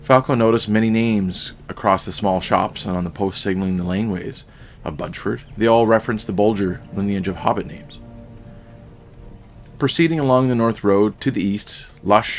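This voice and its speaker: Male game narrator, low voice, faint music underneath. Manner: steady, descriptive storytelling. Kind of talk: storytelling narration of a solo tabletop game.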